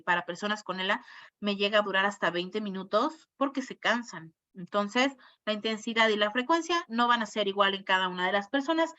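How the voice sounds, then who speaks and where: A woman's voice: mid-range voice, sharp tone. A woman, a speech therapist giving an informal talk, explaining step by step and checking in with her listeners. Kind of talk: informal online lecture. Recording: muffled lo-fi audio.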